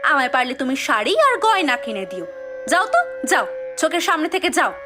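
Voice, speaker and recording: A woman voicing the bitter, scolding young wife of a poor woodcutter in a cartoon, talking with sharp scorn. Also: sits high, very animated, a little fast. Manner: nagging, sharp-tongued, scornful. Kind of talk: Bangla cartoon voice acting. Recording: music underneath.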